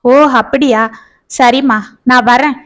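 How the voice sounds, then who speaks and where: A woman voicing a kind middle-aged man who calmly reassures a friend. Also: high-pitched, slow. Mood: concerned. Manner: gentle, calm, reassuring. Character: kind, steady middle-aged male neighbour.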